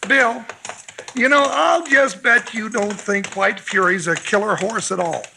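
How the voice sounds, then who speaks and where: A very high-voiced, folksy cowboy sidekick. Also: male voice, a little slow, vocal fry. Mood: grumbling. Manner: exclamatory, plaintive, folksy. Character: folksy, fretful, comic male cowboy sidekick. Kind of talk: old-time radio Western acting. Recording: noisy 1950s radio recording.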